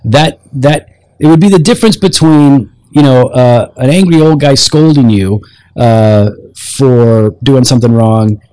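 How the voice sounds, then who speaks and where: A man's voice: medium pitch, measured pace, mellow, dry recording. A man co-hosting a casual faith podcast, talking in a rambling, teasing way with many restarts. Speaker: podcast co-host.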